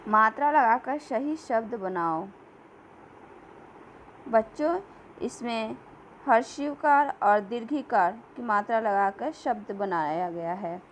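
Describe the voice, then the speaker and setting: Slow, deliberate woman teacher. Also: fairly high pitch, slight background noise, low-quality recording. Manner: slow, deliberate, repeats words for pupils. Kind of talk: slow classroom lesson reading.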